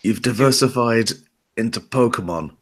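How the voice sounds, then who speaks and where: A man playing a tabletop game, narrating his character in a dry, deadpan way. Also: mid-range voice, normal speed, slightly rough. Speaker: player. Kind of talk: casual tabletop play.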